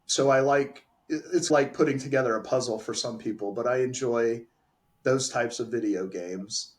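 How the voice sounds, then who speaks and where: A man's voice: mid-range voice, normal speed. A man, a pharmacy owner, giving candid and emphatic answers in a casual interview. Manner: candid, emphatic, restarts phrases.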